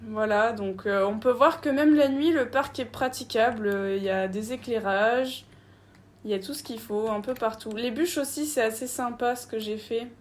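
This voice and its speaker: Woman chatting through a gameplay tour, kinda high voice, easygoing, talks right at the viewers. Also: moderate pace. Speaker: gameplay commentator. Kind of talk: casual gameplay commentary.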